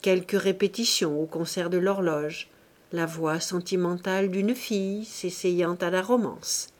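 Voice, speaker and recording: A woman narrating a classic novel as an audiobook reader, in a measured, expressive reading. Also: fairly low pitch. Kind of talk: scripted narration.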